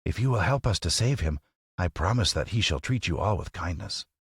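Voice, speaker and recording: A man's voice: deep voice, lively intonation, fairly bright tone, breathy edge, dry recording, heavily acted. A friendly straw-stuffed scarecrow speaks up eagerly, voiced by a man. His voice stays close to a normal speaking voice, with a slight lift, and the recording is dry. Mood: reassuring. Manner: eager, quick.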